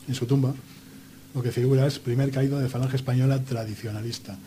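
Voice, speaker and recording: A man from Spain, a guest historian on a radio panel, speaking in a measured way with many hesitations. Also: medium pitch, fairly even intonation, dark tone, a little hiss or hum. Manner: measured, hesitant with frequent fillers.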